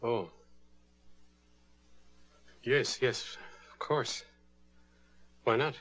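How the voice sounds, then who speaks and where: An actor playing a nervous, guilt-ridden man with a halting, intense manner in a vintage American TV suspense drama. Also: medium pitch, a bit bright. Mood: shaky, evasive. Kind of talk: mid-century American TV suspense drama acting.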